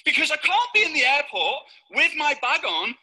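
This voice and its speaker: A man giving a high-energy, playful motivational talk on stage to a live audience. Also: big pitch swings, moderate pace, pushed and bright, low-quality recording. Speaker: motivational speaker.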